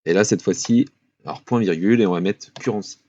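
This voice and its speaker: Low-voiced man, dull lo-fi tutorial. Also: brisk. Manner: relaxed, thinking aloud with fillers and small apologies. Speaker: finance tutorial host. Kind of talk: screen-recorded spreadsheet tutorial. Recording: dull lo-fi voice-over with keyboard clicks.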